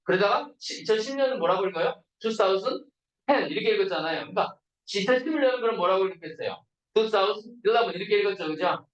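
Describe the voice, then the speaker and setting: High-voiced male teacher, roomy classroom. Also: animated, dull audio. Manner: asks students constant check questions; reads English examples slowly and deliberately. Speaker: English teacher. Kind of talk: classroom grammar lesson. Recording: roomy, distant classroom recording.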